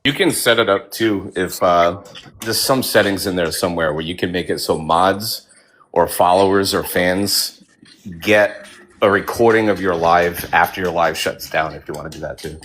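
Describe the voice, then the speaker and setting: A man's voice: low-pitched, moderate pace, a bit bright, a little hiss or hum. A man chatting easily on a livestream, offering a tip. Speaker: livestream guest. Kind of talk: casual livestream chat.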